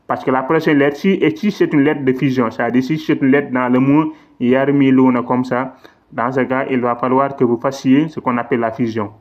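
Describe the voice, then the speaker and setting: A man's voice: mid-range voice, steady tone, moderate pace. A man teaching a lesson on Quran recitation rules, patiently repeating examples and drawing out the Arabic words. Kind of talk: classroom-style lesson explaining tajwid rules. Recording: slightly dull, lo-fi sound.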